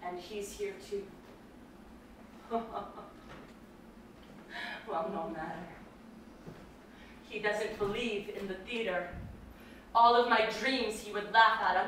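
A woman acting a distraught, wistful young actress on stage, drifting between hushed and sudden outbursts, taped from far in an echoey theater. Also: medium pitch, fairly even intonation, a little slow, pauses often, a little hiss or hum, close to an everyday voice. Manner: dreamy, wandering, drifting between hush and outburst. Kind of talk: stage play performance. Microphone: distant room mic.

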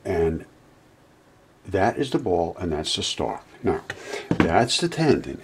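A man's voice: low voice, breathy edge. A man giving a rambling informal video lecture in front of a screen, addressing viewers as his friends. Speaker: channel host presenting his own theory. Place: indoors in front of a monitor.

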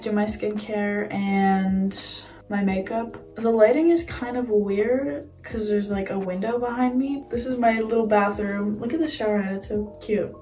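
A woman's voice: mid-range voice, darkish tone, far from the mic. A young woman vlogging casually to camera in an informal, youthful way, indoors in an apartment. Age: young adult. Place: sparsely furnished apartment room, indoors. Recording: echoey room, away from mic, music behind.

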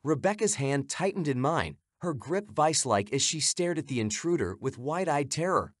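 A man's voice: on the high side, lively intonation, moderate pace, dry recording, studio quality. A man giving scripted, suspenseful narration of a horror story.

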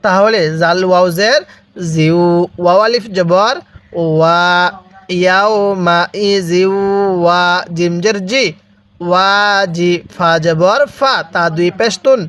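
High-voiced teacher spelling out recitation. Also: male voice, a bit bright, no echo. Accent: Bangladeshi Bengali. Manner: spells letters and vowel marks one by one, has the viewer repeat along. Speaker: Quran reading teacher. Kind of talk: slow spelled-out recitation lesson.

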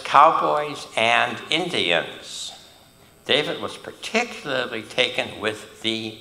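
An older man tells stories from the lectern, earnest and emphatic, with pauses that land his points. His low voice has a gravelly edge and a bright, forceful ring. The sound rolls around a large, echoey hall. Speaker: lecturer. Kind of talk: storytelling lecture.

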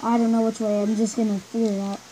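A woman reviewing gear while speaking through a gas mask, halting and unsure as she tries to talk louder. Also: on the high side, level tone, a little hiss or hum, rough recording. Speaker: product reviewer. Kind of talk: casual product review.

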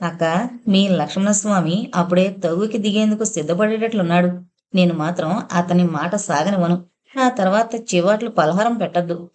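A woman's voice: lowish voice, moderate pace, darkish tone, close to an everyday voice. A woman voicing a polite, poised young woman who apologizes and teases. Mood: teasing.

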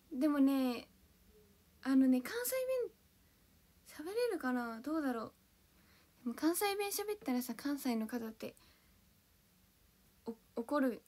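Bubbly high-voiced young woman streamer. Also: darkish tone. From Kanto, Japan; born in Hiroshima. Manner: bubbly, giggly, thanks viewers one by one. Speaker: idol livestreamer. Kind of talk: casual livestream chat reading viewer comments.

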